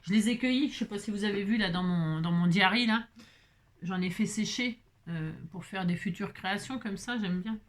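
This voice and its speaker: A woman's voice: mid-range voice, moderate pace. A woman talking casually while making a card, chatty and self-mocking with frequent exclamations. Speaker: crafting vlogger. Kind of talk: chatty crafting tutorial.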